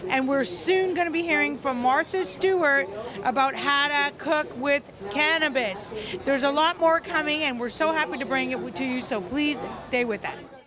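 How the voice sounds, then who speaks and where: A woman host giving a cheerful on-location introduction into a handheld microphone in a busy conference hallway. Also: high-pitched. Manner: cheerful presenter delivery. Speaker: show host. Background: music.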